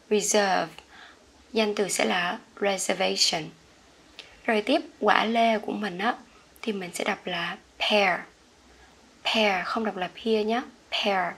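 A woman with a Vietnamese accent teaching English pronunciation, repeating each word slowly for learners. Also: mid-range voice, creaky, a bit bright, slightly rough. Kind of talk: slow pronunciation lesson.

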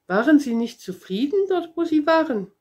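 A woman voicing the little prince, a gentle, curious boy, asking earnest questions in a storybook read-aloud. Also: sits high, sing-song, moderate pace, voice pushed up.

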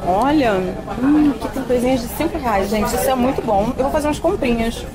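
A woman author chatting casually while filming a walkthrough of an event, excited and greeting people as she goes. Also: high voice, a little fast. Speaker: author vlogging at a book event. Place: busy indoor event venue. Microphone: handheld phone camera. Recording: loud crowd noise around. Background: loud crowd chatter.

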